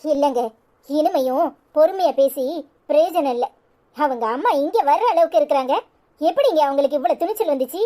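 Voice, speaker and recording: A sharp-tongued young wife orders people around, voiced by a woman. She has a Tirunelveli Tamil accent and a high, thin voice. Her manner is defiant and scolding in this cartoon. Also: fairly quick, lightly acted. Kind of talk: cartoon voice acting.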